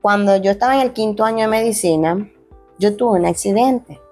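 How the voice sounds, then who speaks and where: With faint music in the background, a young adult woman speaks brisk and medium-pitched, her tone somewhat dark. Formerly an athlete and now a fitness coach, she earnestly relates her life in an interview, restarting phrases often and voicing quoted dialogue, in an emotional personal narrative.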